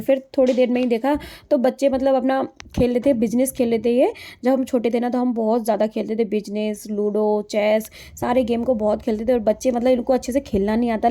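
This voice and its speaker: Young woman, rambling daily-vlog narrator, brisk delivery, slightly high voice. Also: dark tone. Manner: chatty, rambling, many fillers. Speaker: vlogger.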